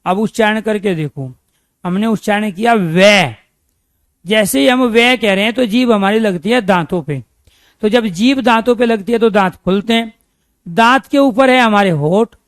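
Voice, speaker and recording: A man's high-sitting voice leads an exam-oriented Hindi grammar lesson, where he keeps drilling students with repeated questions and lingers slowly over key terms. The recording is dry.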